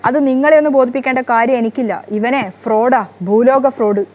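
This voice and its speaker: Woman reading a furious young woman, blunt and scornful, quick and fairly high. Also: steady tone, darkish tone, natural voice. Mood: threatening. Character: fierce angry young woman.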